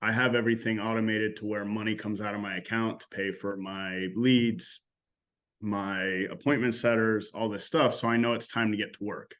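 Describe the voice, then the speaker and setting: A man's voice: lowish voice, level tone, moderate pace, a bit bright. A top-selling salesman giving straightforward advice about mindset on a team training call. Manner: straightforward, direct.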